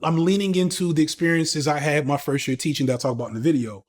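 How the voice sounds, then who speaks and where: Talking fast in a fairly high, steady voice, a podcast guest in his thirties gives a casual, candid interview. He swears, uses slang and frequently starts over.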